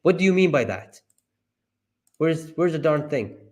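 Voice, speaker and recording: A man streaming live commentary as he reads through a report, talking to himself and his viewers and breaking into excited high yelps. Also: a little slow, dull audio. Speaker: stock market streamer.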